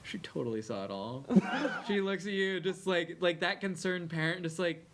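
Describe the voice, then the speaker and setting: A man's voice: sits high, lively intonation, moderate pace, a bit bright. Rambling male dungeon master. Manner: loose and rambling, many fillers. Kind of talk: narrating a tabletop game.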